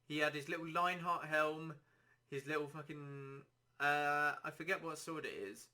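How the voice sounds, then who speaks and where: Bright-voiced man rambling about gaming. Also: on the high side, measured pace. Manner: rambling, self-deprecating, easygoing. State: dry throat, slightly hoarse. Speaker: podcast host. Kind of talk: casual solo podcast chat.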